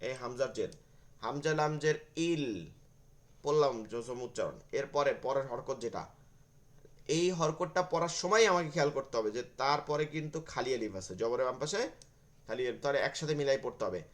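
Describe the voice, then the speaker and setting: A man's voice: medium pitch, fairly quick. A man teaching an online Quran reading class, spelling out and drilling each syllable.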